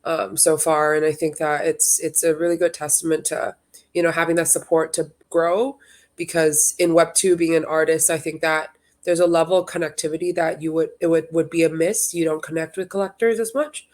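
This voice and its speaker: A woman's voice: deep voice, fairly even intonation, a little fast. A young woman from Hong Kong, a guest artist answering interview questions thoughtfully, with many ums and restarts.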